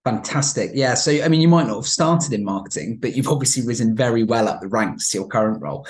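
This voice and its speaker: A man from England hosting a podcast, opening the episode and asking questions quickly with many fillers. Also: mid-range voice, darkish tone, slightly rough. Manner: fast, filler-laden questioning. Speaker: podcast host. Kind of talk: interview hosting.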